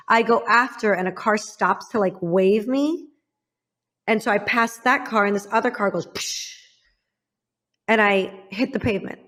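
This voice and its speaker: A woman from the US Midwest, a podcast host telling a painful personal story to a guest in a candid, halting way, her voice sinking low and soft at hard moments.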